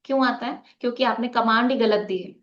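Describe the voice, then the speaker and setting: Fairly high-voiced woman teaching meditation. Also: a little fast, fairly bright tone. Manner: asks rhetorical questions and leads a group activity; mixes in English words. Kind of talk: live online lesson. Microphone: video call. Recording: muffled video-call audio.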